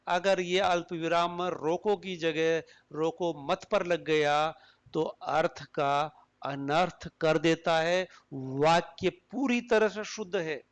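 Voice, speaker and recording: A man giving a recorded lecture, explaining slowly and deliberately and reading examples aloud. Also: on the high side, a bit bright, clear, resonant tone.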